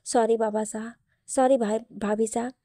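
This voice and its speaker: A woman's voice: on the high side, level tone, moderate pace, warm tone, dry recording, clean studio sound, lightly acted. A woman reading as playful teasing young sisters. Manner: teasing, chatty.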